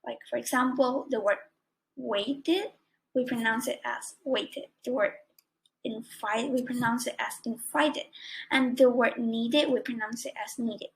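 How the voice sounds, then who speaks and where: A woman's voice: fairly high pitch, fairly even intonation, normal speed, creaky, rough recording. A young woman student with an Indonesian accent, reading a prepared grammar lesson carefully, word by word. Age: young adult. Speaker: student presenter.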